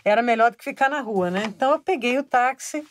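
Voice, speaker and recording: Lively Brazilian woman telling a story. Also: a little high, quick pace. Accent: Brazilian Portuguese. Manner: lively anecdotal storyteller, chuckles mid-sentence. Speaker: singer-songwriter guest. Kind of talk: casual storytelling in an interview.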